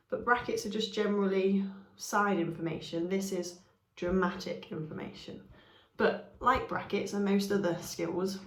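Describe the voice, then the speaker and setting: Patient woman teacher, echoey room. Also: medium pitch. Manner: explains patiently, checks in with "okay?". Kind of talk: classroom grammar lesson.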